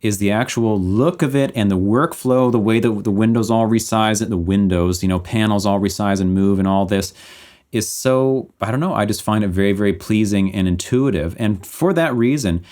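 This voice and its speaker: A man's voice: fairly low pitch, normal speed, darkish tone. A man in his thirties hosting a podcast, chatting casually and thinking aloud with many restarts. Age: 30s. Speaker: podcast host. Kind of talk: casual conversation.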